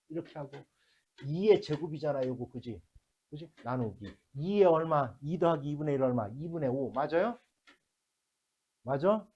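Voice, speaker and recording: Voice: mid-range voice, warm tone, breathy edge, dull audio. A math teacher lecturing a classroom, working through problems step by step and constantly checking whether the students follow, mixing blunt casual talk with polite endings.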